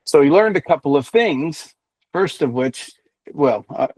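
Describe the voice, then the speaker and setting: A man, a business owner and podcast guest, tells a story in a casual interview and acts out the quoted dialogue with lively energy. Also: a little high, a little slow, husky, no echo.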